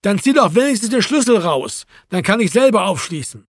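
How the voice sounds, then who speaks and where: A man voicing a grumpy, short-tempered pub owner who talks loudly and irritably. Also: sits high, expressive, brisk, no echo, clean studio sound, pitched above the performer's own voice. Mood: angry shouting. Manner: loud, irritated shouting.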